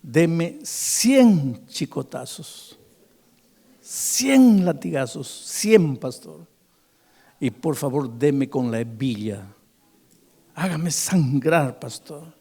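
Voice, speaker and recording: A desperate drunk man sobs and begs in a hushed, halting voice, as a preacher acts him out. His slightly high voice is gravelly and full of shame and pleading. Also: lively intonation, exaggerated voice. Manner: pleading, halting, quiet and broken. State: crying. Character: sobbing drunk middle-aged man, ashamed and desperate.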